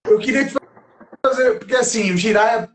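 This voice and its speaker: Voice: medium pitch, moderate pace, roomy sound. A host with a Brazilian Portuguese accent asking eager questions in a casual interview.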